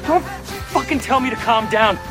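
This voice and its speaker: A man playing a panicked, desperate grown son in a horror film, in an echoey clip under loud music. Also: very high-pitched, animated, moderate pace. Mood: angry.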